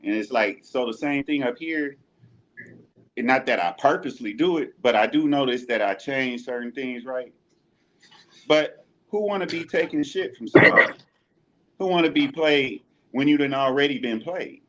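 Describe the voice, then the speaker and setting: A man talking in a rambling, halting way in a casual podcast chat. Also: medium pitch, animated, fairly bright tone. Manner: rambling, halting, with many restarts.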